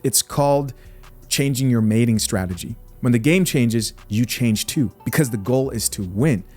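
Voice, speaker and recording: Reacting to clips on his podcast, a young man from Zambia gives his viewers blunt opinions directly. His mid-range voice is a little mellow and moves at a moderate pace, with faint music behind it.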